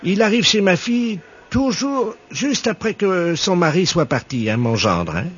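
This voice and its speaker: A man's voice: high voice, expressive, unhurried, slightly rough, exaggerated voice. A man voicing a naive, fussy older woman who rambles hesitantly on a prank phone call. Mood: innocent, rambling. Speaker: prank caller. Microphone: telephone. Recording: muffled phone line.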